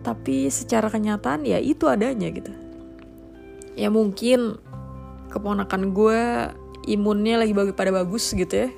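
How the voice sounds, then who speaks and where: Young woman, casual slangy monologue, exasperated, gravelly fry, faint music behind. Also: mid-range voice, steady tone, normal speed, pauses often, a little mellow.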